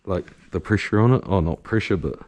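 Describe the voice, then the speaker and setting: A man's voice: low voice, fairly quick, darkish tone. A man with a broad New Zealand accent giving a casual, slangy, sweary video diary in a laid-back way. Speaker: vlogger and drift car driver.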